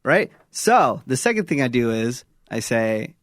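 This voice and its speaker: A man who works as a radio DJ, co-hosting a podcast and calmly explaining his advice step by step. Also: medium pitch, unhurried, no room sound, studio quality. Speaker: radio DJ, co-host. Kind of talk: casual chat.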